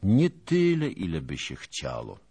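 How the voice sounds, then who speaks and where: A man voicing a modest, gentle nobleman knight who speaks mildly in an audiobook. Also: sits low, wildly swooping pitch, unhurried, husky, voice pushed up, heavily acted. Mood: meek. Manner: gentle, mild.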